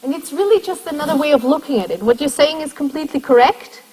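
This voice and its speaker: A high-pitched, warm, expressive voice belongs to a fast-talking university lecturer. She explains step by step and asks the class questions, and the recording has the long echo of a lecture hall.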